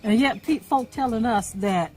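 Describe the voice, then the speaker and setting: A woman's voice: a little high, moderate pace, a little mellow, faint music behind, poor audio. A woman in casual conversation, telling a personal story in an earnest, emphatic way. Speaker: co-host.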